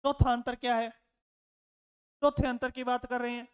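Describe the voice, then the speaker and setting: A man's voice: very high voice, flat delivery, moderate pace, clear, resonant tone, big-room sound. A man teaching a lesson, repeating his words and asking rhetorical questions, calling his learners children. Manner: addresses learners fondly as children. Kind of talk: classroom lecture.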